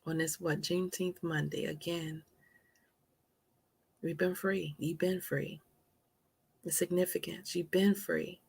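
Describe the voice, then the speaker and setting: Slow husky woman hosting a live stream. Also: on the low side, fairly even intonation. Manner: drops to soft whispers for emphasis, calls listeners honey. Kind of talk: motivational live-stream talk with prayer.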